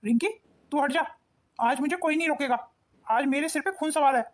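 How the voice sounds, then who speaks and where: A woman voicing a hot-tempered, abusive young husband in an animated cartoon, harsh and bullying. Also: sits high, a little fast, close to an everyday voice. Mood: angry.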